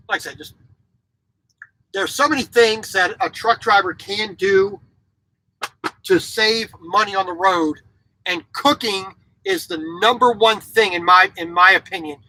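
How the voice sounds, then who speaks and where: A trucker in his forties, raised in Japan as a military child, records a vlog in his cramped sleeper cab. His voice is high-pitched and sharp, the recording rough with no room sound. He speaks bluntly and opinionatedly, often repeating words and starting over.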